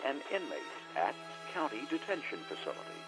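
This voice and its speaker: A recorded male voice reading an automated collect-call announcement over a phone line, in a flat, measured, impersonal way. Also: mid-range voice, loud music behind the voice. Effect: automated collect-call message over a phone line.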